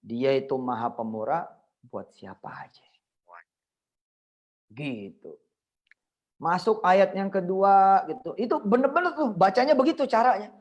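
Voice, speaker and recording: A middle-aged man preaching in a virtual study circle, telling a story with lively swings, acting out prayers and scolding parents. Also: high-pitched, measured pace, long pauses. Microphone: video call.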